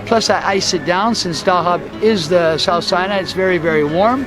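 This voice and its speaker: A man in his sixties from the US, telling his story outdoors in an unhurried, rambling way with many fillers. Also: high-pitched, poor audio. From USA. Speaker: interviewee, street vendor. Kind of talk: casual storytelling interview. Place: outdoors on a town street. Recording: travel video with loud music bed. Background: loud background music.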